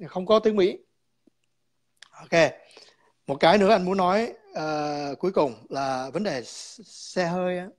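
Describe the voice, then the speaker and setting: A man's voice: high voice, measured pace, long pauses. A man calling in to a chat, explaining his views in a rambling way, repeating words and slipping in English terms.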